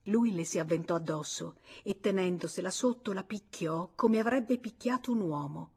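A woman reading a novel aloud as an audiobook reader, with measured and expressive narration. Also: on the low side, husky. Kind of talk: scripted literary narration.

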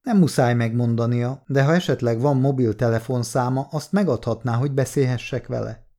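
A man reading the lines of a courteous male police detective who asks gentle, persistent questions, in an audiobook. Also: medium pitch, natural voice.

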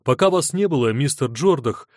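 A man voicing a discreet hotel porter who speaks in a hushed whisper, in an audiobook. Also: mid-range voice, lively intonation, moderate pace, dry recording, clean studio sound, voice pushed up, lightly acted.

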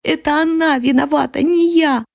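A grief-stricken young boy shrieks accusations between sobs, his voice pitched high and cracking with despair, as a woman narrator puts him on. The reading is close and dry, with no room sound. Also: steady tone, moderate pace, creaky, no echo. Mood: sobbing hysteria. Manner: shrill sobbing shouts. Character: grieving young boy, hysterical, screaming blame. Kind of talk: audiobook character voice.

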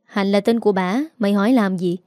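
A woman's voice: medium pitch, fairly even intonation, a little fast, darkish tone, no room sound, studio quality, close to an everyday voice. A woman doing a rude, bossy rich old man. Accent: Southern Vietnamese. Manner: rude, commanding. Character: arrogant rich older man, gruff and bossy.

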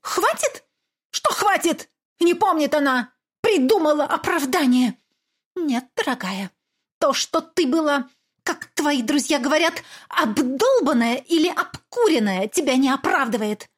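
A woman's voice: sits high, lively intonation, a little slow, voice pushed up. A woman voicing a furious middle-aged mother in an audiobook, venomous, sarcastic and accusing. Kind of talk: audiobook character voice.

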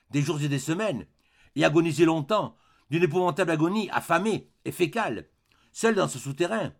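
Guy doing a stern sheriff, formal and menacing, pitch swings around a lot. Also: a bit bright. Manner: solemn, formal, menacing address. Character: stern male sheriff pronouncing judgment.

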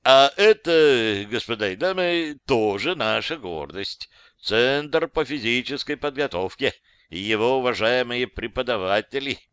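A man's voice: mid-range voice, expressive, a little slow, fairly bright tone, clean tone, dry recording. A man doing a young prince reciting a tour. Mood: rehearsed. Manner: formal, rehearsed.

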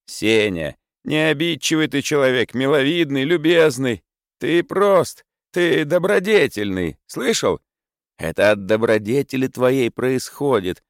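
A man's voice: medium pitch, expressive, a little slow, no room sound, clean studio sound, pitched above the performer's own voice. A man voicing a fawning, pleading drunken clerk in a storybook reading, with fervent, wheedling speech. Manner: fervent, wheedling, bowing and scraping.

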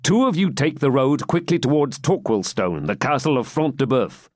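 An actor reading the part of a brisk male outlaw leader giving firm orders in an audiobook. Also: mid-range voice, very animated, darkish tone, dry recording, clean studio sound, voice pushed up, close to an everyday voice. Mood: commanding.

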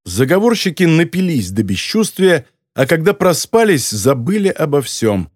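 Brief: male audiobook narrator, animated and lively delivery, dry close sound. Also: a little high, moderate pace, dry recording. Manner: expressive storytelling. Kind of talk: scripted narration.

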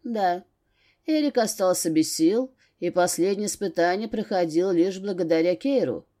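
A supreme demon lord, a commanding father who never raises his voice, as a woman reading the book puts him on. His tone is calm and authoritative, with a mellow, rounded timbre, read at an even pitch. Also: normal speed, natural voice. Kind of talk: audiobook character voice.

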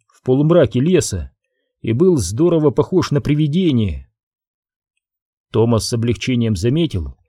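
Slow, dark-voiced male audiobook narrator. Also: mid-range voice, breathy edge, no room sound, studio quality.

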